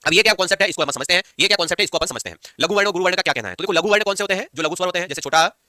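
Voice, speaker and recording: This online Hindi grammar lesson is led by a man with a high-pitched, pushed, bright voice who repeats main points and quizzes his class as he proceeds. He reads out comments to respond to them and slowly chants verses, recorded with studio quality and no echo.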